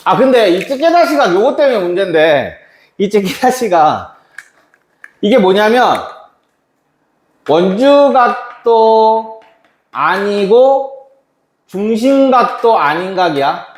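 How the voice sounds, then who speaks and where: A man's voice: high voice, very animated, moderate pace. A man teaching a math lesson to a class, chatty and quizzing students by name. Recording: echoey classroom.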